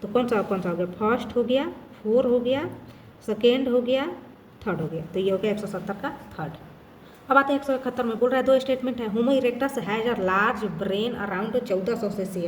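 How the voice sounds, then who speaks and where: A woman teacher works through test questions in a relaxed, explanatory way, reading each statement out slowly and then answering briskly. Her voice sits at an ordinary pitch for a woman and rings in an echoey room, with a faint background hum. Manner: mixes English terms into her talk.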